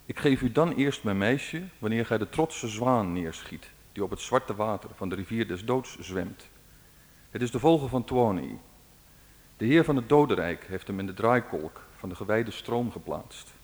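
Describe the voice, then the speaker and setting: A man's voice: fairly low pitch, lively intonation, moderate pace, in a large hall, natural voice. A man reading out the lines of a demanding witch-queen of the north in an old folk tale, with a commanding, proud manner. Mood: imperious.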